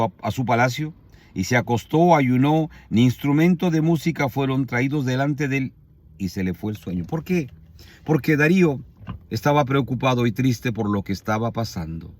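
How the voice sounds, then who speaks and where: A man's voice: medium pitch, animated, moderate pace, darkish tone, no room sound. A man preaching a sermon, retelling a scripture story with emphatic repetition and rhetorical questions.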